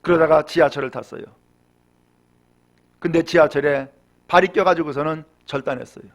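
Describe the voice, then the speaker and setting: During a Sunday service at church, a male pastor preaches with a voice on the high side, a steady tone, and normal speed. He moves between hushed storytelling and raised, fervent exhortation, putting rhetorical questions to the congregation.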